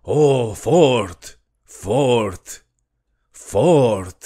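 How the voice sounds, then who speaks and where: A man's voice: medium pitch, expressive, extremely slow, warm tone, breathy edge, heavily acted. A man voicing a disembodied ceremonial voice that speaks from above, solemn and drawn out, in an audiobook. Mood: intoning.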